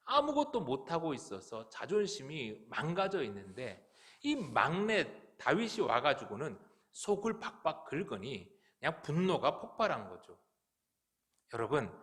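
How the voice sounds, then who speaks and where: Male pastor, church sermon, high and very lively pitch, earnest questioning delivery. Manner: earnest, rhetorical questions to the congregation. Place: church sanctuary.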